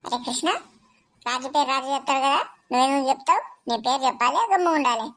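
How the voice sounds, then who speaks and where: A woman voicing cartoon figures in a village comedy, with quick, shrill bickering. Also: a bit bright. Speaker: voice artist for several cartoon figures.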